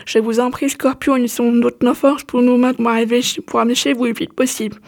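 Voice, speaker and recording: Une femme jouant un petit frère étoile épuisé. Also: female voice, a little high, flat delivery, quick pace, close to an everyday voice. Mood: pressant. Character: young boy star, worn out but determined.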